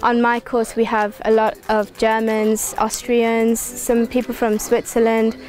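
Here the same kind of speaker, a young English woman in her first year of medical school, delivers a to-camera promo on a clifftop by the sea. She sounds earnest and flowing, her slightly high voice monotone and measured, with frequent ums over gentle background music.

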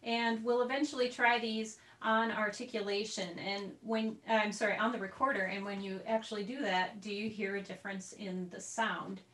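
Teaching recorder to a group over a video call, this woman talks at a normal speed with hardly any pauses, in a level, medium-pitched, slightly bright voice. Her explanations are chatty and full of small asides. The sound is roomy and off-mic, coming through her computer's microphone.

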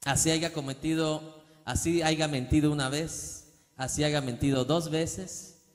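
A male pastor preaching a sermon in a church, building to loud, emphatic passages. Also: a little high, steady tone, unhurried. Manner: preaching with rising, shouted emphasis and acted quotes. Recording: long church reverb.

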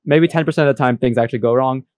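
A man's voice: medium pitch, racing, darkish tone, no room sound. A young man co-hosting a casual podcast, teasing his co-host with mock rants and laughing often.

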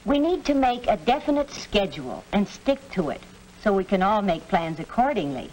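A woman's voice: medium pitch, sing-song, moderate pace, a little mellow, close to an everyday voice. A woman playing an earnest, orderly middle-aged American mother in a 1940s educational film. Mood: explaining. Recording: noisy vintage film soundtrack.

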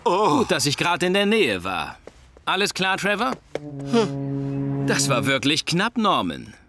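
A kind cartoon fireman, with a fairly high voice and animated melody. He explains things in a friendly, responsible way. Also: slow pace, very noisy, full character voice. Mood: friendly, instructive. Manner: friendly, instructive. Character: kind, responsible adult fireman giving safety advice. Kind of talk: German cartoon dubbing.

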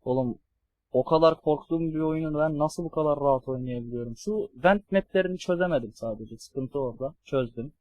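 A young man streaming a horror game, swearing and yelling at the enemies on screen. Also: on the high side, brisk, muffled recording. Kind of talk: let's play commentary.

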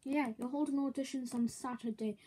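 A lively teenage girl. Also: sits high, brisk, slightly rough. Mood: calm explaining. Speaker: lead character. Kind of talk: sitcom acting.

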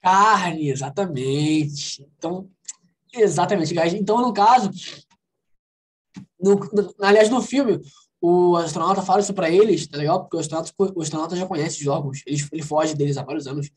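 A man with a Brazilian Portuguese accent teaching an online English conversation class, explaining words patiently and checking in with the students after each point. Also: fairly high pitch. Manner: explains patiently, repeating English words slowly and asking "tá legal?".

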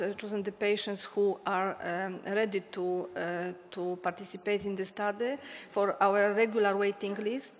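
A woman at a conference podium answering questions hesitantly, with many pauses and fillers. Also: mid-range voice. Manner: hesitant, many fillers, non-native phrasing. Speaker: eye surgeon speaker. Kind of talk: panel discussion answers. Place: large conference hall stage at a podium. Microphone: podium microphone. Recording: long hall reverb, faint noise.

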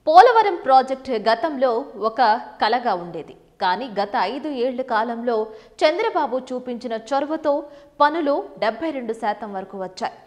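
A woman in her thirties, a news anchor, reading scripted political news in a brisk, dramatic way. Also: high-pitched, sing-song, a little mellow, big-room sound. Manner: standing presenter, brisk dramatic delivery. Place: virtual news studio set.

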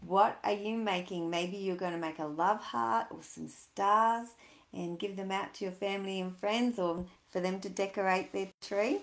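A woman in her sixties who tells stories to children speaks at a normal speed with a medium pitch. Her sing-song read-aloud is full of questions for young listeners, recorded in a small room at home on a webcam that sounds echoey and roomy.

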